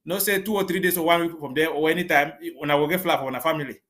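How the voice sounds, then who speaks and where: This man talks in Cameroonian Pidgin English, high-pitched and quick. His tone is bright and sharp, and he drives each point home with forceful, repeated warnings as a commander addressing listeners on a live interview. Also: fairly even intonation. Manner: forceful, declamatory, repetitive warnings. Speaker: commander speaking as a guest.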